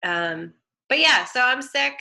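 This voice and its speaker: Sick with a head cold, a woman design instructor gives a live online lecture with a screen demo, sounding nasal and sniffly. Her voice is high-pitched, slow, gravelly and sharp, with lively intonation, and she chats casually with frequent fillers, restarts and self-corrections.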